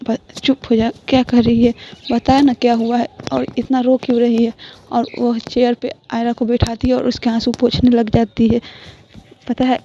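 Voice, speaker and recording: A woman's voice: a little high, dark tone. A woman telling a story casually, rambling and often correcting herself, on a dull lo-fi recording with faint noise.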